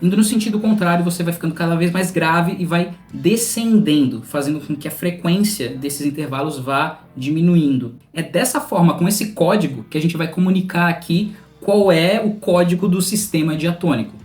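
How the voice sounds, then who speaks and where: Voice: medium pitch, moderate pace, a little mellow. A music teacher with a Brazilian Portuguese accent, methodically explaining music theory straight to the viewer. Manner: patient, methodical, speaks directly to the viewer. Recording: roomy sound with a faint instrumental drone.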